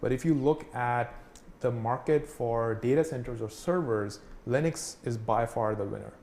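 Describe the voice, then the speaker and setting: A man's voice: mid-range voice, normal speed, darkish tone. A man from Pakistan explaining things in a casual conversational way, full of fillers and "right?" checks. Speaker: instructor. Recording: echoey room, faint noise.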